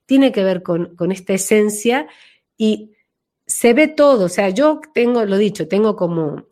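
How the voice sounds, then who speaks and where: This interview guest, a voice work coach, has a medium-pitched, slightly mellow voice. Still recovering from flu, she reflects as she explains and repeats phrases to stress her points.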